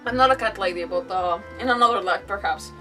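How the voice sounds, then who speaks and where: Fast and bright, with a forceful mid-range voice, a woman game streamer rambles and hesitates through casual chat and commentary on her play, using mild stand-in swearwords. Her mic is distant, with faint game music in the background.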